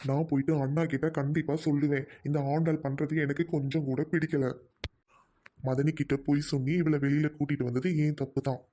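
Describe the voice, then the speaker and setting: A man's voice: on the high side, level tone, fairly quick, mellow, close to an everyday voice. A man voicing a stern, traditional young village man in a cartoon, speaking in a firm, lecturing tone.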